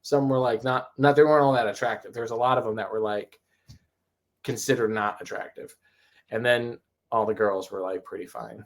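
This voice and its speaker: A man co-hosting a casual podcast, telling stories in a rambling, animated way with many restarts. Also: medium pitch, brisk, vocal fry. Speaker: podcast co-host. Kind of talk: casual chat.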